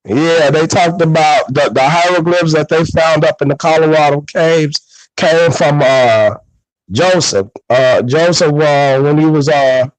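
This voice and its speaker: Man, a bit high, rambly panel talker, loud distorting mic, dry. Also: unhurried, dry recording. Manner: rambling, many fillers and restarts. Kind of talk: casual group chat. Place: online voice chat.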